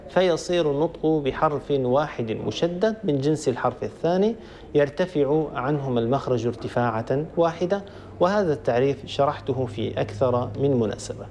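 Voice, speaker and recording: A man, a sheikh, giving a recitation lesson, slowly drilling examples and rising in pitch on questions. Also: darkish tone, a little hiss or hum. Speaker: sheikh teaching Quran recitation.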